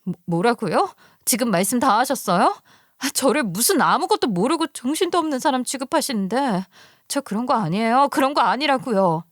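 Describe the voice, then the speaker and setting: A woman's voice: fairly high pitch, expressive, brisk, no echo, studio quality. A woman voicing a grieving young married daughter who protests against her in-laws, shocked and emphatic, in a story radio drama. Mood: protesting.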